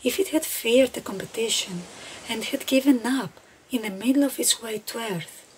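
Slow and gentle, a female meditation guide uses a medium-pitched voice and unhurried, deliberate phrasing broken by pauses. The recording picks up clearly noisy ambient background sound.

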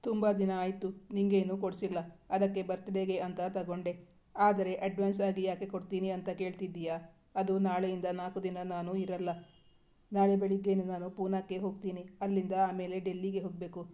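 A woman voicing a young husband who gently coaxes and teases his wife in a storybook reading. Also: mid-range voice, completely flat delivery, moderate pace, close to an everyday voice. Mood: tender. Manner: coaxing, gently teasing. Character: young loving husband, teasing and tender.

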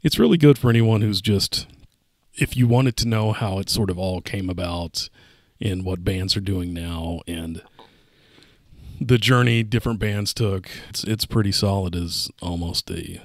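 A man's voice: deep voice, a little slow, no room sound. A man journalist in a studio, talking casually and hesitantly, searching for words with lots of fillers. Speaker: journalist on a newsroom podcast. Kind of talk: casual newsroom chat.

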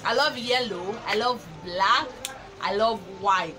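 A woman's voice: medium pitch, takes it slowly, very noisy. A young Nigerian woman with a Nigerian accent, hosting her vlog in giggly casual chat. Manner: giggly, chatty. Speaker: YouTuber host. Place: small indoor room before a patterned cloth. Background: music.

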